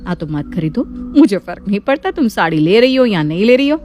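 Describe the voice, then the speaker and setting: A woman voicing a proud, sharp-tongued elder daughter-in-law who talks down to others in a cartoon story. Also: medium pitch, sing-song, fairly quick, soft background music, lightly acted. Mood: dismissive. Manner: dismissive and scornful.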